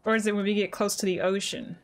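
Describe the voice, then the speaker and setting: A woman's voice: mid-range voice, steady tone, quick pace. A woman doing casual, playful and chatty commentary as she plays a game. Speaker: gamer, let's player.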